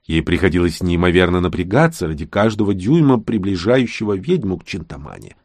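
A man narrating a fantasy audiobook with an expressive, dramatic reading. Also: low voice, fairly quick, dry recording.

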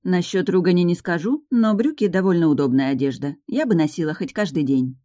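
A woman's voice: on the low side, brisk, mellow, dry recording, studio quality, close to an everyday voice. A woman voicing a blunt, practical young witch heroine in a matter-of-fact way. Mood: plain. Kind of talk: audiobook narration.

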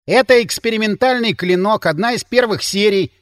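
A male narrator voicing a nervous, defensive young soldier in a high, pleading voice. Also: fairly quick, a bit bright, no room sound, studio quality. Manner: high, whiny, pleading delivery. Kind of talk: audiobook character voice.

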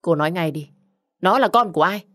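A woman puts on a jealous young husband in an audio story, coarse and bullying as he hurls accusations. The voice sits fairly low for a woman. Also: moderate pace, natural voice. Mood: furious. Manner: shouting insults, coarse and bullying.

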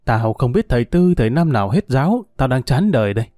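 A man's voice: medium pitch, very animated, dark tone, no echo, clean studio sound, soft background music, close to an everyday voice. A man putting on a bitter drunk old woman. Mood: brusque. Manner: coarse, grumbling, slow drawling monologue. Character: bitter drunk older woman cursing men.

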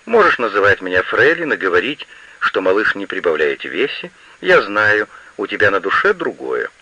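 A man's voice: on the low side, sing-song, normal speed, sharp tone, breathy edge, no echo, exaggerated voice. A man reading a cheerful, teasing young woman. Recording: muffled lo-fi radio recording.

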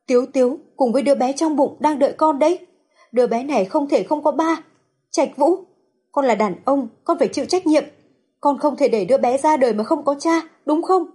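A woman's voice: a little high, darkish tone, husky. Woman voicing a sobbing, desperate mother. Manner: tearful, desperate pleading. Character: grieving middle-aged mother, pleading and sobbing.

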